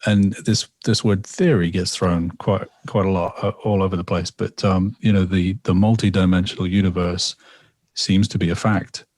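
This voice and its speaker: In a dry recording, a man from England speaks in a low-pitched, darkish voice with flat delivery at normal speed. He's a guest on a podcast, casually telling a personal story. His talk rambles reflectively, full of fillers and repetition.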